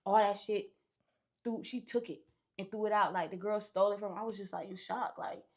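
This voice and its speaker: Here a podcast guest, a woman, tells a long story casually and with animation, cursing and voicing the quotes herself. Her pitch is medium and her pace fairly quick.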